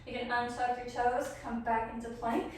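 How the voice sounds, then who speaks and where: A woman's voice: fairly high pitch, flat delivery, normal speed, a little mellow. A young woman teaching a vinyasa yoga class, encouraging and a little out of breath. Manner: encouraging cues, light laughs. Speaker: yoga instructor. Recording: echoey room, far from mic, faint noise.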